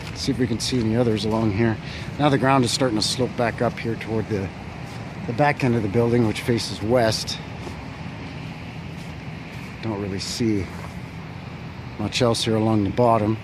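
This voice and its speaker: There are long pauses in this man's fairly low, fairly even voice, which moves at a normal speed. Walking a wintry, windy street with his phone camera, the old-building vlogger muses about one structure in casual narration packed with fillers and uncertain remarks, against wind and street noise.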